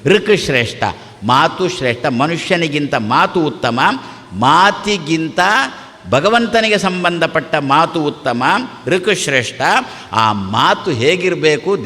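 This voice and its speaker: Sermonizing man in a reverberant hall. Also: bright, forceful tone. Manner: rhetorical questions answered himself, repetitive listing cadence; acts out quoted exchanges with shifting pitch. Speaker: religious teacher giving a discourse. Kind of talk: devotional sermon.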